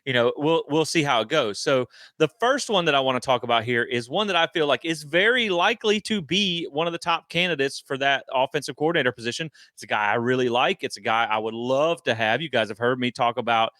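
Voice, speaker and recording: A man co-hosting a casual sports talk show, chatty and quick to tell a story. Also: mid-range voice, animated, pushed and bright, dry recording. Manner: chatty, storytelling, frequent agreeing. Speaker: podcast co-host.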